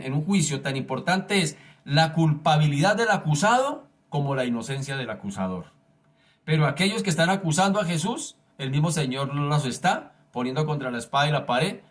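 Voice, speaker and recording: A man preaching a sermon, reading scripture aloud and speaking emphatically and directly to his listeners. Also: a little high.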